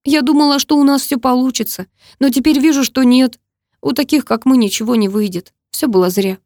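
A woman's voice: high voice, a little fast, darkish tone, no room sound, studio quality, voice pushed up. A woman voicing a heartbroken young bride. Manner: tearful, reproachful.

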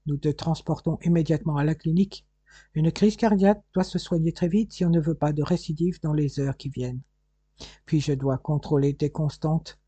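A man's voice: a little high, steady tone, moderate pace, warm tone, slightly rough, no room sound, highs cut off. A man voicing a bossy older male doctor in an audiobook, firm and commanding.

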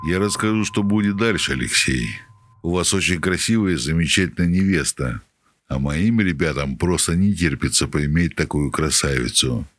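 A man's voice: deep voice, lively intonation, normal speed, a bit bright, voice pushed down. A man voicing a cold, menacing debt-collector boss who makes polite threats.

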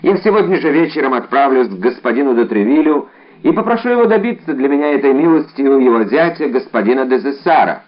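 A bold, gallant young guardsman, as a male audiobook reader does him, full of eager exclamations. The voice sits in a middle pitch. The recording is slightly dull and lo-fi. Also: expressive, quick pace, natural voice. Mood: assured.

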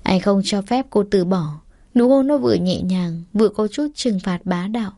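A woman narrates a romance audiobook steadily and evenly, at normal speed. Her mid-range voice is mellow and warm rather than bright. The recording is dry and close-miked.

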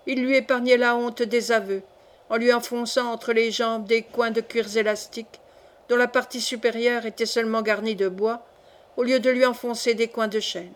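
Woman narrating a classic novel. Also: a little high. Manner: measured, expressive storytelling.

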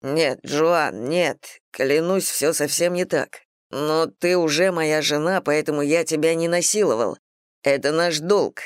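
A woman voicing a remorseful young husband who speaks shakily and apologetically, in a low, dry voice. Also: measured pace, clear, resonant tone, no echo. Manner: shaky, apologetic.

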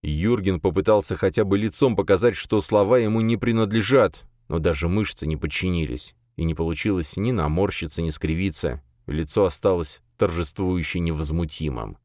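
A man narrating an audiobook in an expressive storytelling manner. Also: sits low, moderate pace, hardly any pauses, no echo, clean studio sound. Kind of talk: scripted narration.

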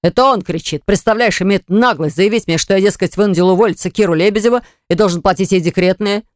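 A reader voicing a callous small-company boss who defends himself in slow, indignant tones. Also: male voice, high-pitched, no echo, clean studio sound, lightly acted. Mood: defensive. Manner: slow, indignant, self-justifying.

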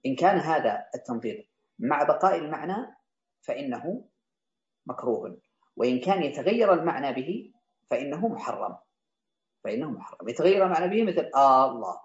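A man's voice: a little high, very animated, a little fast, long pauses, darkish tone. Man teaching a classical text. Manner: reads a line of the text, then restates and explains it. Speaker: teacher of Islamic jurisprudence. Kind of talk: explaining a classical text to students. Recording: roomy, slightly dull sound.

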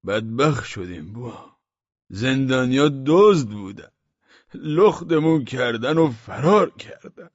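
Frantic young gendarmes yelp and whine in a rural twang, as a male audiobook reader puts them on in a raised, wildly swinging pitch. The voices are husky. It sounds like a dull, dry lo-fi audiobook recording. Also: sing-song, no room sound, heavily acted. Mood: panicked. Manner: frantic, whiny, dialect-tinged shouting. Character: panicked bumbling male provincial gendarmes, young adults.

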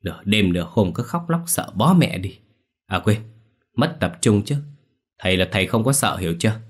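A brusque, foul-mouthed village exorcist, put on by a male storyteller in a ghost story. He snaps orders and curses the people around him. His voice sits very low. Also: animated, normal speed. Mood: irritated. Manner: brusque, cursing, barking orders. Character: gruff crude cocky male village exorcist.

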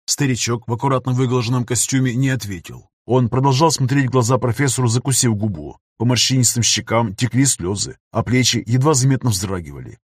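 Husky male audiobook narrator. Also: mid-range voice, brisk, hardly any pauses, no echo, studio quality. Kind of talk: scripted narration.

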